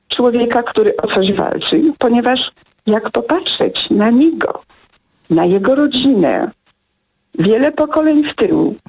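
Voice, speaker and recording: A woman guest on a radio talk show who speaks reflectively, pausing often between short phrases. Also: a little high, a little mellow, slightly rough, low-quality recording. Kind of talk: radio conversation.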